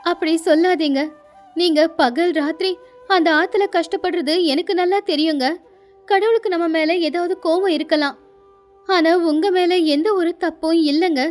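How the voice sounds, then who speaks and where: A woman plays a devoted young wife in a storybook tale, her voice very high and gentle. She speaks soothingly and pleads softly. Faint music runs under her. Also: normal speed. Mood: tender, soothing. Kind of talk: storybook voice acting.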